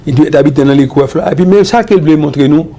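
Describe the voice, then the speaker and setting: A man's voice: fairly high pitch, rapid-fire, dark tone. A man hosting a talk show interview, friendly, switching between English and French and backing his guest with many mm-hmms.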